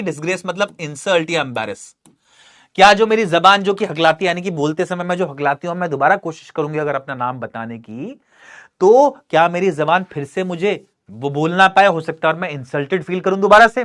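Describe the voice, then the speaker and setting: An English teacher walks through a story sentence by sentence, reading each line slowly before explaining it. The voice rises and falls in a lively, animated way. Words get defined along the way, with frequent checks like "right?". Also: medium pitch.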